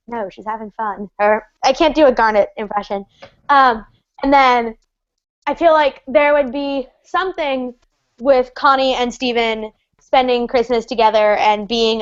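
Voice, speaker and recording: A woman's voice: on the high side, smooth, lo-fi sound. A young woman hosting a casual livestream chat, bubbly and rambling, with plenty of fillers. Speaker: host.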